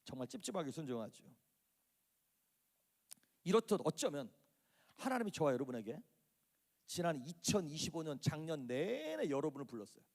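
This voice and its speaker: Male pastor mid-sermon; dramatic storyteller who acts out dialogue, bright and expressive in a high register. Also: moderate pace, long pauses. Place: church sanctuary.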